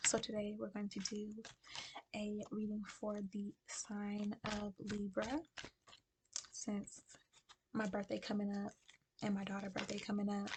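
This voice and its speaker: A woman giving a casual spiritual card reading to her viewers, talking with a retainer in her mouth and dropping into soft whispers as she muses. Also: medium pitch, completely flat delivery, background noise. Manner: slow, musing delivery with soft whispered phrases; casual, chatty address to viewers. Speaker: tarot card reader.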